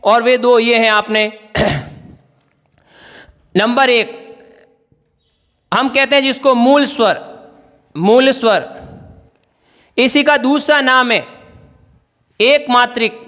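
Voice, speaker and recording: A man's voice: extremely high pitch, slow, pauses often, a bit bright, long reverb tail. A male teacher giving an exam-prep grammar lesson, asking questions and answering them himself as he writes on a board. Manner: writes on a board while explaining.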